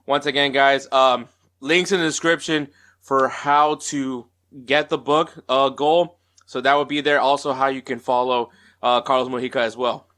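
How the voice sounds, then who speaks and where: Man, podcast host, casual chat, upbeat, chatty, mid-pitched voice. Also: steady tone, moderate pace, fairly bright tone, smooth. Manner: upbeat and chatty, with frequent fillers and restarts. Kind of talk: casual podcast intro and interview.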